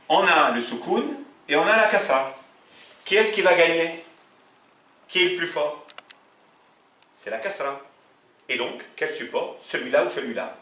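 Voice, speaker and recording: A man with a medium-pitched, sharp voice teaches Arabic in French, explaining grammar to a class. He often tells them to look and asks questions, then answers himself. The recording has an echoey room and a distant mic.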